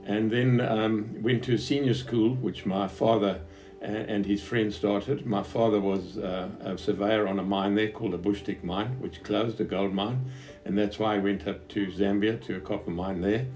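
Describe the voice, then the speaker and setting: Soft music plays behind a man in his seventies from Zimbabwe as he recounts his life in business to an interviewer, unscripted. He has a Southern African accent and a lowish, somewhat mellow voice with fairly even intonation, pausing often in a reflective, hesitant manner.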